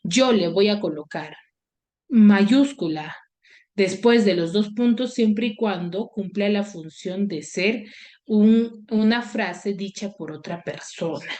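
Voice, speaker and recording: Slow-talking woman teaching an online class. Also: medium pitch, mellow. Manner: checks in constantly with short questions; explains slowly, questioning pupils. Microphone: video call.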